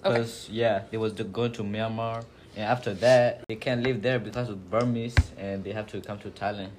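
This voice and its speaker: A young man telling a family story in casual talk, halting and repeating himself. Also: fairly low pitch, steady tone, darkish tone, slight background noise. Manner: halting, repeats words, plain speech. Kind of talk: casual classroom discussion.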